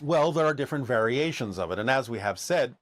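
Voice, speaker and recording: A man with a formal, deliberate delivery who drags out key phrases and always speaks as a collective "we". His voice sits mid-range and is recorded close and dry, with no room sound. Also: mid-range voice, expressive, no echo. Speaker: channeled speaker answering questions. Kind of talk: question-and-answer session.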